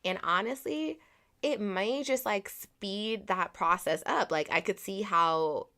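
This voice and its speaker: A woman's voice: medium pitch, slow, pushed and bright. A woman co-hosting a casual chat, telling a dating story candidly, with lots of "like" and casual swearing. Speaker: podcast co-host.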